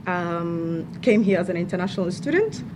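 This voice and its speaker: A woman's voice: lowish voice, animated, moderate pace, background noise. A woman from Somalia giving a panel talk at a conference, speaking with many fillers and restarts.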